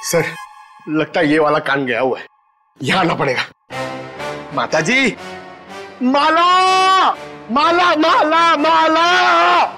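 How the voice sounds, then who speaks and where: An actor playing a flustered junior police officer yelling for help in a comic drama scene. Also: male voice, on the high side, animated, measured pace, long pauses, faint music behind. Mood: exasperated. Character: panicky young male police officer, comic.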